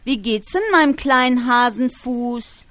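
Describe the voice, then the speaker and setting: Woman doing a bratty bossy little girl, teasing, kinda high, dry sound. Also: measured pace, a bit bright, dry recording. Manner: taunting, bossy.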